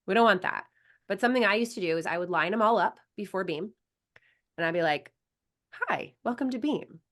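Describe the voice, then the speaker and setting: A woman in her thirties, a coach talking on a podcast in a lively, chatty way and acting out the voices of people she quotes. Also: on the low side, fast. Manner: animated storyteller, acts out quoted voices. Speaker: sports psychology coach, podcast guest. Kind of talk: casual podcast conversation.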